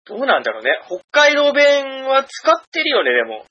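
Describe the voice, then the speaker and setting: A man co-hosting a podcast, chatting casually with quick, teasing banter. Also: very high-pitched, huge pitch swings, sharp tone, highs cut off. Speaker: podcast co-host. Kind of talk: casual chat.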